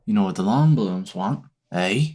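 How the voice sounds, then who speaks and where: A man's voice: lowish voice, lively intonation, normal speed, darkish tone, close to an everyday voice. A man voicing a blunt, impatient male faction leader who presses for straight answers and swears. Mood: pressing. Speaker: game master.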